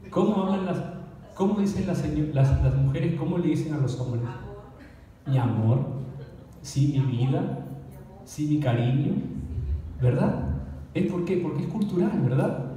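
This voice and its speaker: A man gives a sermon in an easy, conversational way, often turning questions to his listeners. His voice is deep and mellow, and it comes from some distance away in a hall with a long, booming echo. There is a faint murmur of room noise behind him. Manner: conversational preaching with rhetorical questions to the congregation. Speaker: pastor. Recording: echoey hall, voice from afar.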